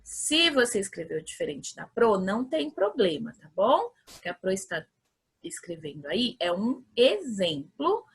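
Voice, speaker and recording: A woman's voice: medium pitch, sing-song, unhurried, slightly rough. A Brazilian woman teaching a remote lesson to young children. She is patient and encouraging, sounds words out syllable by syllable, and keeps checking that the children are following. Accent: Brazilian Portuguese. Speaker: primary school teacher.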